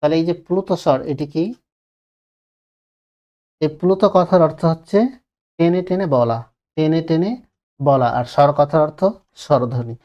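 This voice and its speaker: A man's voice: fairly high pitch, fairly even intonation, normal speed, pauses often, a little mellow, highs cut off. A male teacher with a West Bengal Bengali accent giving an exam-prep grammar lesson, repeating key phrases and asking and answering his own questions. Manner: drags out vowels to demonstrate.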